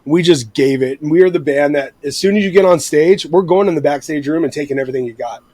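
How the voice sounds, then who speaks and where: A man's voice: fairly high pitch, quick pace, no room sound. Rowdy, profane man telling tour stories. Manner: rowdy, profane, animated storyteller. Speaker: podcast guest, former band lead singer. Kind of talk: casual storytelling chat.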